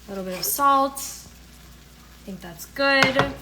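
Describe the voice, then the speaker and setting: High-voiced and slow to speak, with lively intonation, a young woman leads an informal cooking demonstration from her home kitchen. As a cooking and health coach, she chats upbeat and rambling, filler-heavy. The audio is noisy from pans and utensils clattering.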